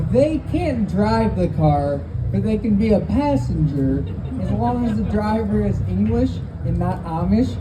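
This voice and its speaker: A woman telling stories as a first-time stand-up comedian at an open mic, in a conversational, profane way. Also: mid-range voice. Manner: profane, conversational, acts out quoted dialogue. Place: live open mic venue. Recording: noisy live recording, background ambience.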